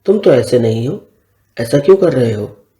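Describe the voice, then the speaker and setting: A man's voice: medium pitch, animated, normal speed, dark tone, close to an everyday voice. A man voicing an emotional young woman, an elder sister about to marry, talking in a hurt, pleading and scolding way. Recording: roomy echo.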